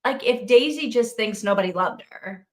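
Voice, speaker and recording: A woman's voice: on the high side, normal speed. A woman in a casual book club chat, musing and wondering aloud about the story and her own family.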